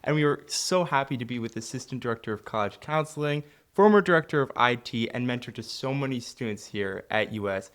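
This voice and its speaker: A teenage boy hosting a school podcast. He reads his introductions and questions politely, in a voice of middling pitch. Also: expressive, brisk, few pauses, a bit bright. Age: teens. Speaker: student podcast host. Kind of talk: scripted interview questions.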